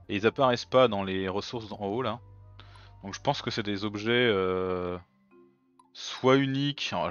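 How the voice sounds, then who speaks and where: A man hosting a let's-play video, chatting casually as he plays and thinking out loud with plenty of fillers. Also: on the low side, highs cut off. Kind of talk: casual gameplay commentary.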